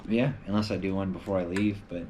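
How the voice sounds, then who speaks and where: A man's voice: low voice, fairly even intonation, fast talker, crowd noise. A man hosting a casual live stream from home, answering viewer questions in a loose, rambling way with lots of filler words.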